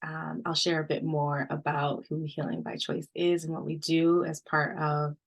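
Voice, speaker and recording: A woman co-facilitating an online session, chatty and casual over a video call. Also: low-pitched. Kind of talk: online webinar talk.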